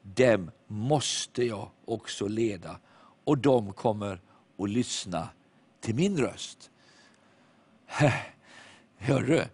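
A man's voice: fairly low pitch, lively intonation, pauses often, a little mellow, breathy edge, no room sound. A man preaching a sermon in an emphatic voice that rises and falls. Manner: emphatic, rising and falling preaching voice.

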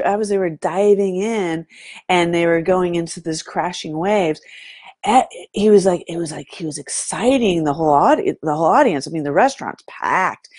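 A woman telling a story in a casual talk, animated and often checking in with "right?". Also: medium pitch, dry recording, studio quality. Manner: animated, fond of saying "right?" to draw the listener in.

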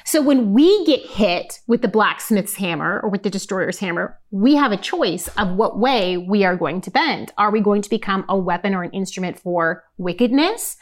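A woman's voice: medium pitch, expressive, normal speed, few pauses. A woman co-hosting a Bible program, reading verses aloud and explaining them in an earnest teaching way. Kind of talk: scripture reading and discussion.

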